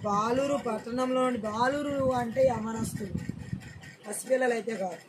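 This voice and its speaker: A preacher delivering a church sermon, repeating phrases and urging the congregation to say amen loudly. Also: medium pitch, moderate pace, noisy background. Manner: repeats lines and calls for loud amens.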